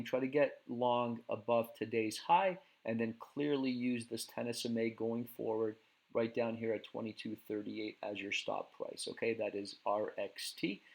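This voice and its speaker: Losing his voice, a man runs through a casual stock market recap in a relaxed manner, often restarting and using fillers. His voice is medium in pitch and creaky.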